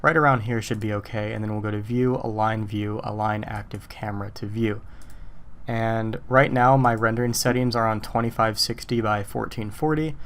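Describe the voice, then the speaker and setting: A man's voice: lowish voice, normal speed. Casual male tutorial host, voice a bit worn, talks while working, keys clacking behind. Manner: casual, relaxed, talks through steps as he works. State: losing his voice. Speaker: software tutorial instructor. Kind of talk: screen-recorded tutorial walkthrough.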